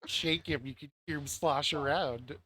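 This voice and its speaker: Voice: medium pitch, steady tone, measured pace, sharp tone. A speaker casually narrating and chatting in a tabletop role-playing game.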